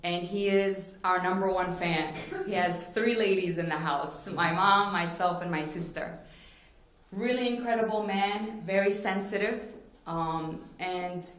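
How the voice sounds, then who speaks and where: In a conference plenary hall full of echo, a woman from Morocco tells her story in an earnest forum talk, leaning often on "you know." Her voice is on the low side and fairly bright, delivered at a measured pace.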